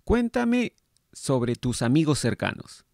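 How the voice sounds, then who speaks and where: A man reading aloud and voicing a calm male hypnotherapist who asks patient, measured questions. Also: on the high side, vocal fry, dry recording, studio quality, pitched above the performer's own voice, heavily acted. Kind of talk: read-aloud book dialogue.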